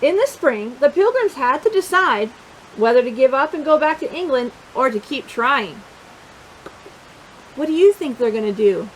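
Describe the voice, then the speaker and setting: Reading a storybook aloud for little ones at normal speed, a woman uses a high, very animated voice with wide swings in pitch. She poses questions and encourages the children directly. The low-quality recording has a steady hiss behind her.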